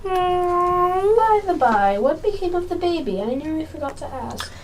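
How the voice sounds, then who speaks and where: A woman's voice: very high-pitched, animated, a little slow. A female amateur actor playing a grinning, teasing mad cat in a radio play.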